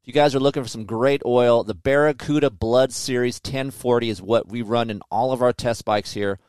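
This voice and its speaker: A middle-aged man hosting a motocross podcast, loose and blunt, swearing as he talks. His voice is mid-pitched and sounds dry and close to the mic, with almost no room around it. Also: steady tone, normal speed, darkish tone, smooth, no echo. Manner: blunt, profane, conversational. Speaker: podcast host and motocross tester. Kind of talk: casual chat.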